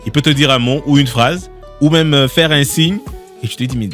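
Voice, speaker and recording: A man co-hosting a relaxed talk show, chatting and laughing as he quotes viral clips. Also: medium pitch, fairly quick, soft background music. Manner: lively, laughs while quoting viral clips. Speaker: co-host. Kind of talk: casual chat.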